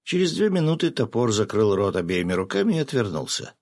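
A man narrating a first-person story aloud in a lively, wry manner. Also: lowish voice, brisk. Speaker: audiobook narrator.

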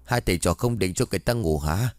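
This is a sharp-tongued young woman in a spoken ghost story who keeps scolding the two men around her. The pitch moves a lot and the sound is dry and close, with a man reading her lines in his own voice. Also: lively intonation, fast, no echo.

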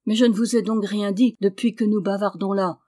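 A woman's voice: mid-range voice, steady tone, brisk, dark tone, close to an everyday voice. A woman voicing a timid young male peasant suitor in an audiobook, speaking humbly and stammering. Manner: humble, stammering country speech. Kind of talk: audiobook character reading.

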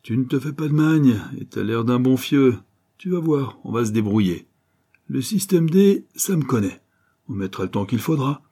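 A man's voice: mid-range voice, expressive, normal speed, dark tone, breathy edge, pitched above the performer's own voice. A man voicing a bold, streetwise street urchin boy with slangy, boastful patter. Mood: cocky.

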